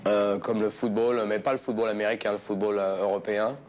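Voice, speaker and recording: Hesitant man talking casually, low voice, faint ambience. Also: flat delivery, quick pace, darkish tone, slight background noise. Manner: hesitant, many fillers and restarts. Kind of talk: casual spoken answers.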